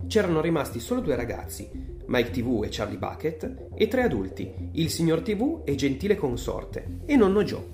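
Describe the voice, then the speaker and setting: Expressive storybook narrator with faint music. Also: mid-range voice, moderate pace. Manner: expressive, lively reading. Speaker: audiobook narrator. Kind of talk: storybook read-aloud narration.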